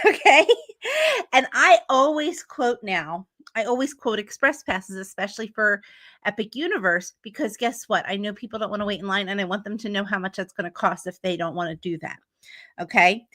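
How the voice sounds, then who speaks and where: A woman's voice: on the high side, sharp tone. A woman teaching travel agents how to qualify clients, chatty and upbeat, often checking in with "okay?". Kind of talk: teaching talk to an audience.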